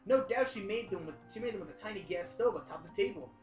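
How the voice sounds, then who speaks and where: A woman reading a visual novel aloud in a let's play, joking about the text and squeaking out sound effects. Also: fast, a little mellow, roomy sound, faint music behind. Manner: playful, jumps into high squeaky voices for sound effects. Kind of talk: reading game text aloud with jokey commentary.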